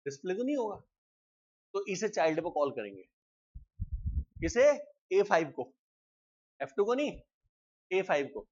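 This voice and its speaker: A man teaching a live programming class, explaining step by step and often asking students quick check questions. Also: sits high, big pitch swings, dull audio. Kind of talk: live classroom coding lecture.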